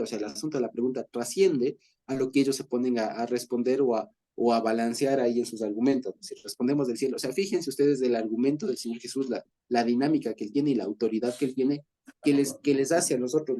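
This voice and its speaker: Chuckling Ecuadorian man, mellow voice. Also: medium pitch. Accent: Ecuadorian Spanish. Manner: chuckles often, explains with everyday examples. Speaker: Bible study leader. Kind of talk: Bible study discussion.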